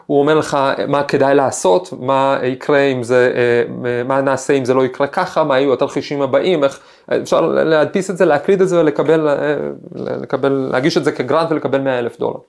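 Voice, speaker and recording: A man at a mid pitch hosts a podcast as a professor. He talks reflectively, weaving personal anecdotes into the ideas, often pausing to search for words. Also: steady tone, vocal fry. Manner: thoughtful, storytelling, frequent hesitations.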